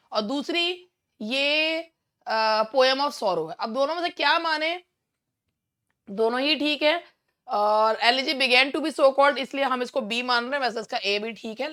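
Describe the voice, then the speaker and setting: A woman with an Indian accent teaching an exam-prep English lesson, going through questions and answers and reading each question out slowly. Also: sits high, a bit bright.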